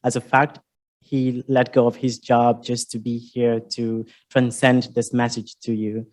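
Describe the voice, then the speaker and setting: Flat-voiced man hosting an open mic. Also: medium pitch, unhurried. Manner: introducing performers, encouraging. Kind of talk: event hosting. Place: university exhibition room with seated audience.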